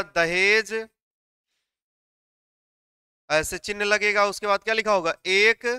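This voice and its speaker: A man teaching a live online class, who explains step by step, puts questions to his students and dictates notes slowly word by word. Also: sits high, pushed and bright, clean tone, dry recording, studio quality.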